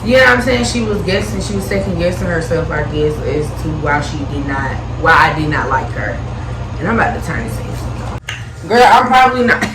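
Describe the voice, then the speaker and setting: A woman's voice: low voice, lively intonation, a little fast, background noise. A tipsy, giggly woman telling a rambling story in a casual, sassy and blunt way. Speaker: storytime vlogger. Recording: roomy echo, distant mic, loud music behind.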